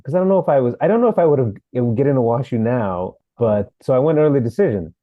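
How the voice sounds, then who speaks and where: A man from Sri Lanka, an actor, telling his story as a podcast guest in a relaxed way, with fillers. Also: medium pitch, quick pace, dry recording, phone-quality sound. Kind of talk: interview.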